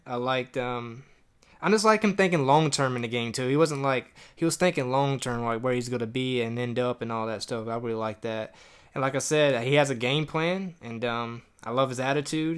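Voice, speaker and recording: A man's voice: mid-range voice, fairly bright tone, clean tone. A man with a New Jersey accent, co-hosting a fan show in casual, enthusiastic chat full of fillers. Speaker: podcast co-host.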